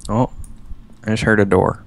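A man's voice: lowish voice, steady tone, normal speed, gravelly, no room sound. A man playing a game with friends, chatting casually and reading in-game text aloud dramatically. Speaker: game player. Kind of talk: casual gaming chat.

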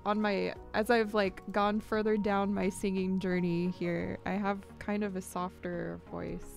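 A young woman chats casually with viewers on her live music stream from a small home studio, speaking close to a large boom-mounted studio mic while wearing headphones. Her voice is mid-range, level, gravelly, and unhurried. She's upbeat and chatty, squealing greetings to her viewers.

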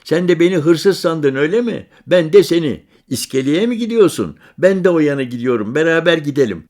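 A man voicing an eager, talkative young village boy in an audiobook story, speaking high and excited. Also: fairly quick, close to an everyday voice. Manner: high, bright, excited and insistent.

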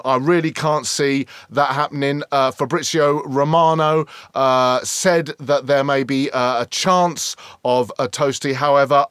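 A middle-aged English man impersonating an earnest, excitable football news pundit in a parody, repeating himself haltingly and starting upbeat before tailing off. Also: mid-range voice, smooth, no room sound, studio quality, close to an everyday voice. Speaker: impressionist presenting a football channel parody. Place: small room at home, indoors.

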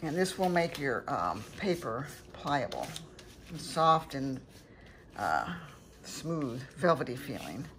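An older woman in her home kitchen leads a craft tutorial, chatting casually, rambling somewhat and correcting herself along the way. Her voice is extremely low, sing-song and slow. The recording is clearly noisy, with clicks.

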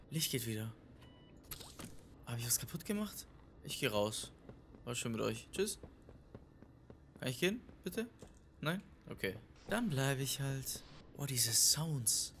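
A man at average pitch commentating a horror game as he plays. He repeats phrases, breaks into loud outbursts and then drops to low mutters. Faint background noise sits under his voice. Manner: excitable, repeats himself, swings from shouting to muttering. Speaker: let's player. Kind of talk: live gaming commentary.

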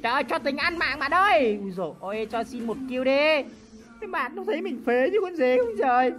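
A woman giving excitable live commentary over her mobile game play, jumping between loud outbursts and low muttering, swearing playfully. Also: fairly quick. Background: game background music.

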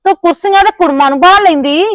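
A woman's voice: very high voice, fast, no echo. A woman playing a neighbour who scolds and taunts with sarcasm in a family drama. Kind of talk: Punjabi village family drama acting.

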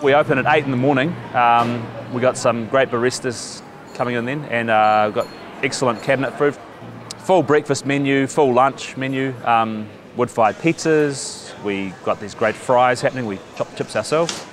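A man who works at a brew bar, talking upbeat in a documentary interview and listing things quickly. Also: mid-range voice. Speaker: brewery staff member.

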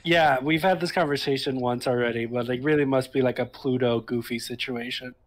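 A man's voice: mid-range voice, steady tone, fairly quick. A man streaming a game, chatting casually on a headset. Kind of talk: casual chat while playing a game.

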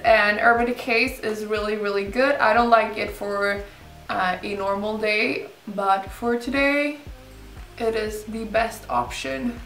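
A young woman casually talking through a makeup tutorial in an informal, unhurried way. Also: medium pitch, steady tone, a bit bright. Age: young adult. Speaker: beauty vlogger. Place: indoor room set up for filming, backdrop. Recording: roomy, slightly distant mic, music behind.

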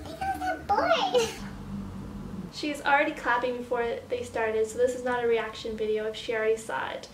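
High-pitched young woman, sarcastic comment reading. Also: steady tone, fast talker, hardly any pauses. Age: young adult. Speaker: video creator reacting to comments. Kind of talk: casual vlog, reading comments aloud and reacting. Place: small bedroom, indoors. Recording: echoey bedroom, distant mic, background noise.

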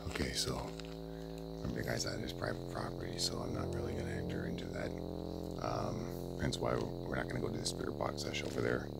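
A man in his thirties hosting a paranormal investigation vlog outdoors at night, putting hushed, deliberate questions and remarks to spirits and viewers. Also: very deep voice, vocal fry, over loud music. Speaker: ghost-hunting video host. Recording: noisy handheld night recording outdoors.

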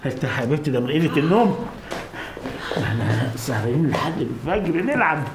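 An actor playing a scheming newlywed husband, speaking Egyptian Arabic in a coaxing, sweet-talking manner. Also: male voice, on the high side, animated, quick pace, background noise. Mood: soothing. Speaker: groom. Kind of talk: film drama acting.

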